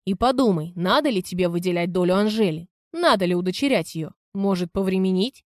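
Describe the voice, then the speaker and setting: A woman reading an audiobook, voicing a calm, ironic young man who speaks in a measured way. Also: fairly low pitch, no room sound, studio quality, natural voice. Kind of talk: audiobook character voice.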